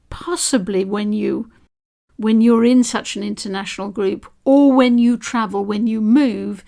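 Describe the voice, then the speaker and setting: A woman's voice: on the high side, gravelly. A woman hosting a podcast as expedition leader, speaking reflectively with frequent restarts. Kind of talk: podcast narration.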